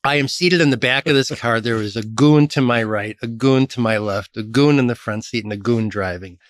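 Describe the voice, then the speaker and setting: A middle-aged man from Chicago, a guest in an interview, telling lively stories about his career. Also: fairly quick, dry recording, clean studio sound. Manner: animated storyteller, lively pitch jumps. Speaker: podcast guest, association executive. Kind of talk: storytelling interview.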